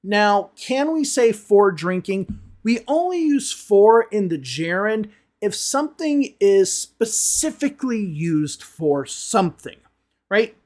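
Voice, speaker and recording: A man with a Chicago American accent teaches an online English lesson. His voice sits fairly high for a man, and he leans hard on key words and repeats them for emphasis. He keeps checking in with the viewer as he explains. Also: very animated, slow, darkish tone. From United States (Chicago). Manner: emphatic, repeats words for stress, asks "okay?" and "right?".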